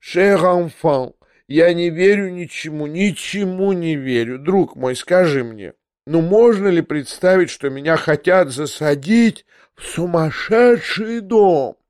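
A frail old prince, tearful and muddled, pleading in a high, quavering voice that stretches out its words, as a male reader puts him on. The sound is dry and close. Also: slow pace, a little mellow, no echo. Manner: trembling, pleading, drawn out, sprinkled with French. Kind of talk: audiobook character voice.

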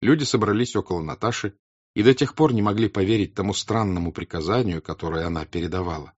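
A man with a husky voice narrating a novel in a scripted reading. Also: deep voice. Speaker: audiobook narrator. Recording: slightly dull, dry recording.

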